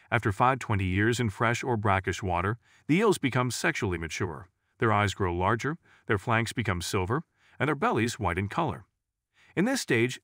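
A man reading scripted nature documentary narration in a measured, informative way. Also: on the low side, fairly bright tone, dry recording, studio quality. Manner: measured, informative read-aloud delivery.

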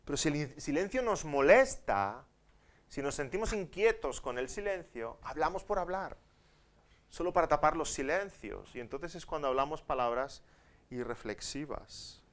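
Man preaching with swings in loudness. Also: fairly high pitch, animated, moderate pace. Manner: conversational, with tag questions to the audience; swings between soft asides and loud emphatic points. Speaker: pastor. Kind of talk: conference Bible teaching.

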